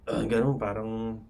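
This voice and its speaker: A man's voice: lowish voice, gravelly, mellow. A man vlogging casual advice, rambling, with frequent fillers and tag questions. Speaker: vlogger sharing anxiety tips. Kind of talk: casual talk to camera.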